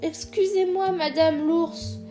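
A polite, curious little girl speaks sweetly and softly, as a woman reading a storybook puts her on. The voice sits very high. The words come slow and gentle. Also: fairly even intonation, over music.

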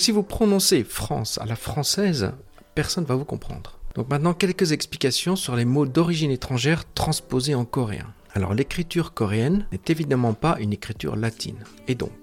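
A man explaining a language lesson with a lively, rising and falling voice. He is patient and methodical, slowing down to break each sound apart. Soft music plays faintly behind him. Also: mid-range voice. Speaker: language teacher.

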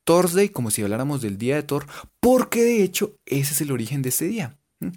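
Jokey guy teaching english words, laid back, drills them slow. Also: on the high side, sing-song, warm tone. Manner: playful, jokey, repeats words slowly to drill pronunciation. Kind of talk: casual video lesson.

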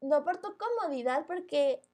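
A woman's voice: high-pitched, expressive, normal speed, a little mellow. A young woman with a Mexican Spanish accent chatting casually on a podcast, blunt and full of slang and swearing. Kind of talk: casual chat.

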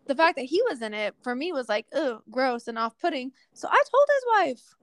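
A high-pitched young woman talking fast and loose on a podcast, full of "like" and quick asides. The sound is dry and close, with no room around her. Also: no echo. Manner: chatty, animated, lots of "like". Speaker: podcast co-host. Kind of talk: casual podcast chat.

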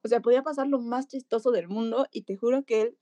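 A woman with a Mexican accent, a physiotherapist telling a lively story in an interview and acting out voices. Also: a little high, fast, no echo, lo-fi sound. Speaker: pediatric physiotherapist.

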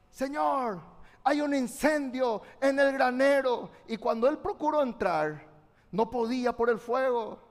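A man preaching a fervent sermon, speaking directly to his congregation and calling for their responses. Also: very high voice. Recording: long reverb of a large hall.

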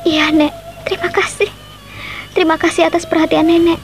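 A lonely young girl in a radio play, her high voice plaintive and close to tears. Music runs behind her. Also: level tone, brisk. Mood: sad. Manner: tearful, plaintive. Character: sorrowful young girl, robber's daughter, lonely. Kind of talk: radio drama acting.

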